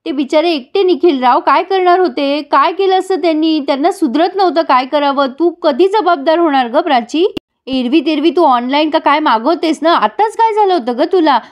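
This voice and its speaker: A woman voicing an anxious, quick-tempered older aunt who scolds with sharp, reproachful questions. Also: sits high, dull audio, natural voice. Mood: angry scolding.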